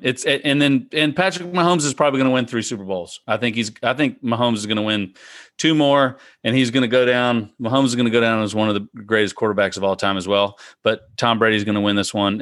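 A man's voice: medium pitch, quick pace, a bit bright, dry recording, studio quality. A man in casual sports talk among friends, repeating his predictions emphatically with many restarts. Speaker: podcast co-host.

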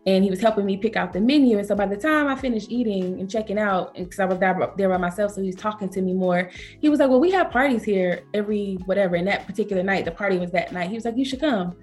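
A woman with a Southern accent tells travel stories in an easygoing interview. She leaps up in pitch to act out what others said, keeping the talk lively. Soft music plays faintly behind her. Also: rapid-fire. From Georgia, USA. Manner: animated, acts out quoted speech with pitch jumps. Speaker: travel company founder, interview guest. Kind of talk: conversational storytelling interview.

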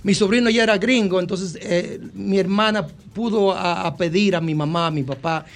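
A man with a Dominican accent and a fairly high voice tells his story as a radio guest. He talks in an animated way and often stumbles and repeats himself as he restarts a sentence. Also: normal speed. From Dominican Republic. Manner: animated, many restarts and repetitions. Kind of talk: casual storytelling interview.

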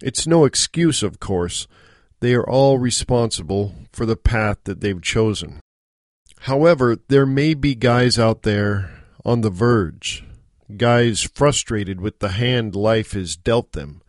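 A middle-aged American man hosting a solo podcast, speaking in an earnest, measured, exhorting monologue. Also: lowish voice, animated, no room sound, clean studio sound. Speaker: podcast host. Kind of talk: solo monologue on self-improvement.

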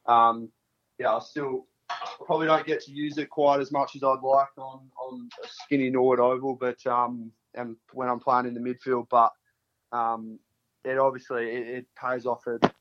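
A man's voice: medium pitch, flat delivery, moderate pace, fairly bright tone, no room sound, muffled recording. A man in his early twenties from country Australia, with a laid-back, laconic Australian drawl, answering casually as a footballer in an interview. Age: early 20s.

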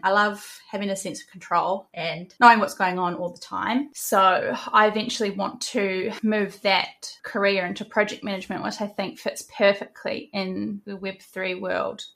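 A woman's voice: mid-range voice, fairly bright tone. A woman, a guest talking casually and candidly in an interview, with lots of "like" and "kinda" fillers. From New Zealand. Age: 20s. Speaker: guest, community moderator.

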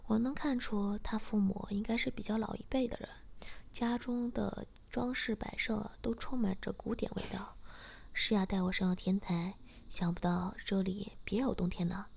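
A woman narrating a first-person story at a mid pitch, half-whispering much of it. Her voice carries a gravelly texture throughout. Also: steady tone, normal speed. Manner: soft, half-whispered reading. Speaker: story reader.

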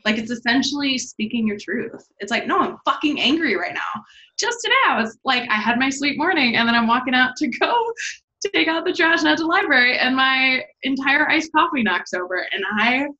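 A woman's voice: sits high, a little fast, pushed and bright. A woman hosting a casual, heartfelt chat, talking candidly, swearing freely and saying "like" a lot. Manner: candid and profane, says "like" often. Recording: slightly dull lo-fi sound.

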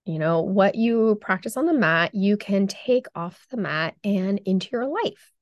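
Chatty hoarse woman podcast host. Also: medium pitch, lively intonation, a little slow, dry recording, dull audio. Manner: chatty and upbeat, with fillers like "um" and "like". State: hoarse, recovering from lost voice. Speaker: podcast host and health coach. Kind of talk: casual solo podcast talk.

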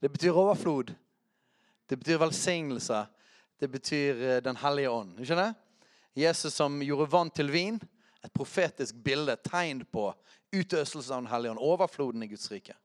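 A man preaching a charismatic sermon, chatty and self-correcting, who shouts out scripture. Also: medium pitch, expressive.

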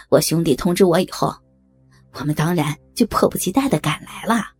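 A woman's voice: on the low side, expressive, measured pace, a little mellow, slightly rough, dry recording, faint music behind. A woman voicing a cruel, vengeful young male thug who taunts with snickering laughs. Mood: taunting. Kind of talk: audio drama acting.

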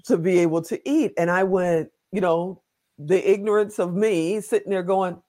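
A man's voice: high voice, moderate pace, mellow. A man hosting an interview, asking questions in a chatty, rambling way and adding jokes. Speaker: interview host. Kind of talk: casual interview talk.

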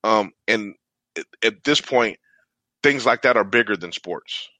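A man's voice: lowish voice, expressive, measured pace, sharp tone, no echo. A man co-hosting a casual sports podcast, talking earnestly and conversationally, filling his lines with "man" and "you know.". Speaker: podcast co-host.

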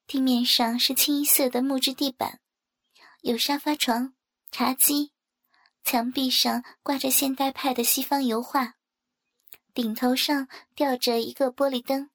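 High, gravelly woman reading a story. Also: a bit bright. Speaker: audiobook narrator. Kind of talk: first-person story reading.

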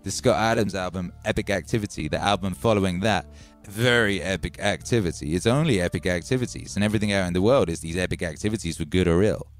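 A middle-aged man from Wales with a Welsh and Birmingham accent, hosting a live stream in a casual, excitable way, swearing and thanking viewers by name. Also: sits low, quick pace, soft background music.

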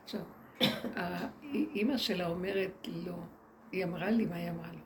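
A woman speaking as a rebbetzin to a women's group, telling stories animatedly and acting out the people she quotes, recorded live in a noisy room. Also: fairly low pitch. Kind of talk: storytelling talk to an audience.

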